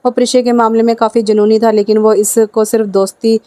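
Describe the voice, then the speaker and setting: Female audiobook narrator, even and mellow delivery, dry close sound. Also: fairly high pitch, brisk, dry recording. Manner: steady, even reading with small slips. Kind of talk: romance novel narration.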